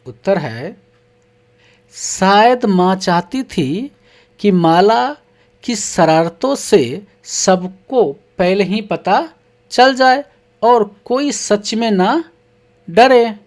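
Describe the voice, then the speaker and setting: A teacher walks young children through a textbook lesson at an unhurried pace. The voice sits in a middle pitch, reading each question aloud before answering it. Words are broken into syllables with patient care. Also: expressive. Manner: reads questions aloud, then answers them.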